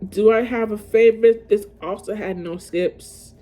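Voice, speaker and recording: A woman's voice: medium pitch, fairly even intonation, measured pace, warm tone. A woman vlogging casually to camera, ranking music in a chatty, emotional way and calling her viewers y'all.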